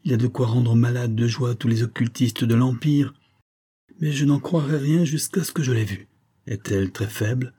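A man doing a blustering excitable old doctor. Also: mid-range voice, normal speed, slightly rough, pitched above the performer's own voice, lightly acted. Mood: exclaiming. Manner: exclamatory, hearty, blustering. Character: excitable blustering male doctor, gleeful and brusque. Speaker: neurologist.

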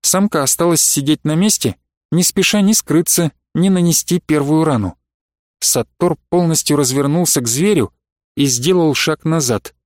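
A man narrating an audiobook in a steady storytelling read. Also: a little high, moderate pace, no room sound, studio quality. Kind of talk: scripted narration.

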